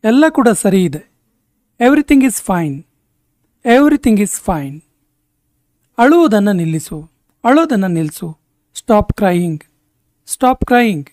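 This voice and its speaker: Slow, careful woman teaching English. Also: a little high, a little mellow, dry recording, studio quality. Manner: says each sentence twice, English slow and deliberate. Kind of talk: language lesson, reading sentences aloud.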